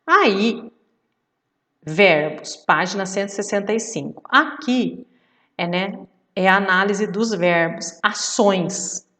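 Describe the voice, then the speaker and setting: A woman's voice: mid-range voice, expressive, slow pace, sharp tone, distant mic. A woman teacher giving a remote lesson to children, patient and explanatory, checking often that the class follows. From Brazil.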